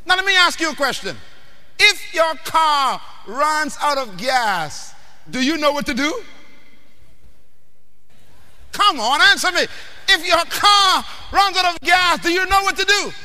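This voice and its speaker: A man from the Bahamas, preaching a sermon emphatically, questioning the crowd and often shouting. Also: very high voice, lively intonation, measured pace, long pauses. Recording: long hall reverb.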